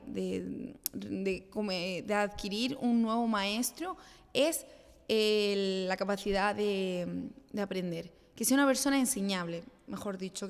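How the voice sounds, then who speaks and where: Guesting on a podcast, this woman, a children's pastor, talks through her ideas conversationally and dramatizes snippets of her own self-talk. Her voice is medium in pitch with a clean tone, though the room adds a hall-like echo.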